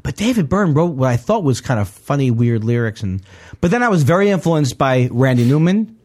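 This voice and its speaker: Rambling man with halting restarts. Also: mid-range voice, big pitch swings, darkish tone. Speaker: comedian guest. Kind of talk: casual podcast conversation.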